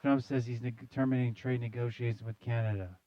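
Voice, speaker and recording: A man hosts a live, comedic news commentary show, reading out headlines and riffing on them with sarcastic, mock-serious repetition. He talks fast in a level, medium-pitched voice, and the lo-fi recording carries heavy background noise plus music.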